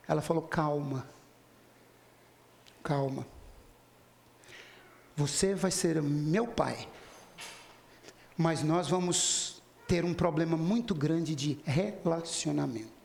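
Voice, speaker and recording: A man's voice: on the high side, creaky, a little mellow. A man giving a spiritist lecture, telling a story and acting out the quoted dialogue while speaking straight to his listeners. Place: spiritist center lecture hall. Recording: echoey hall.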